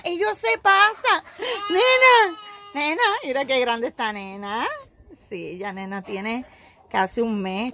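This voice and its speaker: Slow-talking woman cooing at farm animals. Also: medium pitch, noisy background. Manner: coos and soothes animals, laughs often. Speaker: evangelist filming her farm animals. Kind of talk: casual phone vlog with animals. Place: outdoor animal pens with goats and sheep. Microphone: handheld phone.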